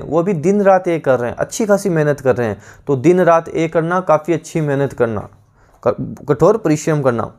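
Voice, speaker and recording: Repetitive drilling male teacher, higher voice. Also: darkish tone. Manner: repeats each word several times, drilling. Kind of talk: online exam-prep lesson.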